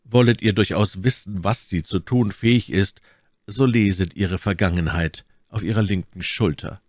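A man voicing a refined musketeer in an audiobook reading, reading a letter carefully and softly. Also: low-pitched, normal speed, dry recording, studio quality.

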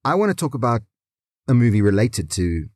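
A man's voice: mid-range voice, sing-song, fairly quick, darkish tone, no room sound, studio quality. A man, bantering emphatically as a podcast co-host. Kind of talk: casual chat.

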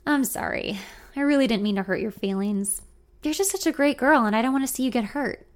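Blunt, teasing young male friend, read by a woman narrator, higher than usual for a man. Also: lively intonation, a little fast, close to an everyday voice. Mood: apologetic. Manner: blunt, teasing, then apologetic. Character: cynical protective young man, close friend.

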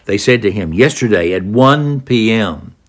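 A man's voice: fairly low pitch, animated, unhurried. A man preaching an expository sermon, retelling a gospel story and acting out the pleading voices of its people.

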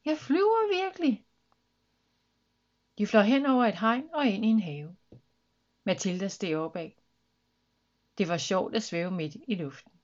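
A woman reading a children's story aloud with lively, expressive narration. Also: mid-range voice, long pauses, muffled recording.

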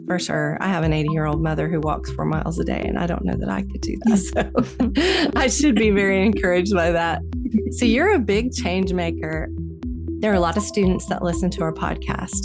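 A woman in her fifties co-hosting an interview podcast, enthusiastic and effusive. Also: lowish voice. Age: 50s. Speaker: podcast co-host.

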